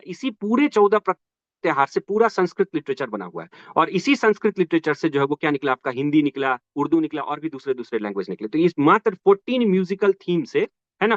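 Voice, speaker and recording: A man's voice: high voice, no room sound, dull audio. A man teaching an exam-prep grammar lesson, asking his students rhetorical questions and answering them himself, with frequent check-ins.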